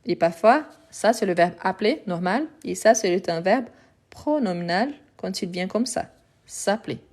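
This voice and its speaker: A woman's voice: medium pitch, expressive, normal speed, darkish tone. A woman teaching French grammar in a live lesson, patient and methodical, repeating examples step by step, Portuguese her first language.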